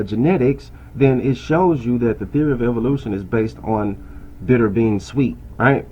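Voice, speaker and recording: A man's voice: medium pitch, a little mellow, muffled recording. A man reading an article aloud at his laptop and commenting on it in a casual, conversational way, often tossing in "right?" and "bro.". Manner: conversational, keeps asking "right?" and calling listeners "bro". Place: indoors at a laptop.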